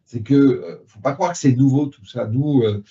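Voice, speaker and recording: A man's voice: mid-range voice, normal speed, warm tone. A man on a conference panel explaining his fund's investing approach, with frequent fillers and simple analogies. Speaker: private equity fund director. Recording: dull lo-fi sound.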